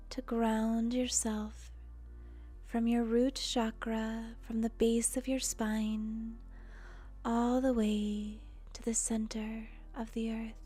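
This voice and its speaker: Over soft music, a woman with a slightly high voice leads a guided meditation. Her tone is breathy, soothing and gentle, frequently fading to almost a whisper, and she paces herself deliberately with pauses.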